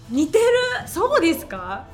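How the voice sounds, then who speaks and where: High, lively woman hosting a chatty talk show. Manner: polite and chatty, laughs often. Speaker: radio show host. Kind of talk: casual chat on a streamed talk show.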